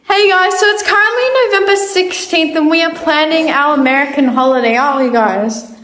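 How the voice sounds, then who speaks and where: A young Australian woman vlogging excitedly about a family trip, bubbly and exclamatory. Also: high-pitched, a little fast. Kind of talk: excited travel vlog. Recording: echoey room.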